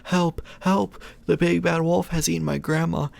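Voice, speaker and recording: Guy doing a little storybook girl, higher voice, innocent n polite, exclaiming. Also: fairly even intonation, normal speed, creaky. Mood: frightened. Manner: bright, naive, exclaiming.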